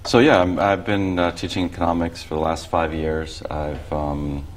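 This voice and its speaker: Low male voice, from Costa Rica, teacherly guest who explains plainly. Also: fairly even intonation, moderate pace, slight background noise. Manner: explanatory, conversational. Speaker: economics instructor, guest. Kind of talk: explaining casually on a talk show.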